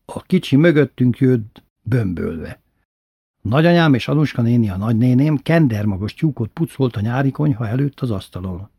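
Husky man reading a lively story. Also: medium pitch, no echo, clean studio sound. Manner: lively, expressive reading with voiced characters. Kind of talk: reading a personal story aloud.

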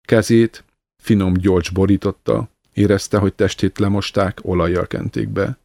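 Egy férfi nyugodt, kimért hangon olvas fel egy irodalmi elbeszélést. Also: male voice, low voice, vocal fry, no echo. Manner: calm, measured reading. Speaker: narrator. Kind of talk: scripted narration of a literary story.

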